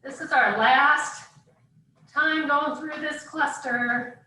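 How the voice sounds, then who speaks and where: A woman workout coach with a high, bright voice calls out short encouraging commands and countdowns. She sounds far from the microphone in a very echoey room. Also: takes it slowly. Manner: short imperative cues, encouraging. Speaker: fitness instructor leading a workout class. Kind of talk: live group workout coaching, cueing and counting down. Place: indoors, live video call class. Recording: echoey room, far from mic, faint noise.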